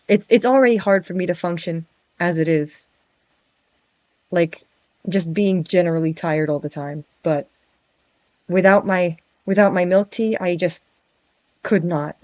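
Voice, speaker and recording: A woman with a fairly low, darkish voice streams as a virtual streamer playing a friendly male vampire prince, chatting casually while giggling nervously and stammering. The lo-fi mic sounds dry and dull, with no echo.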